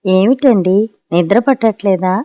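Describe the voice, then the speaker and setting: A woman voicing a gentle, patient wife who answers her husband mildly in a storybook reading. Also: mid-range voice, measured pace, dry recording, clean studio sound, natural voice. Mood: mild pleading. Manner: pleading and mild.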